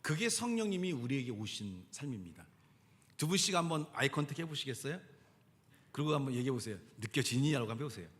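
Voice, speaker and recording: A man's voice: medium pitch, very animated, quick pace, a bit bright. Preaching male pastor in a reverberant hall. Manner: conversational preaching, prompts congregation to repeat phrases. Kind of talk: sermon. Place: church sanctuary. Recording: long church hall reverb.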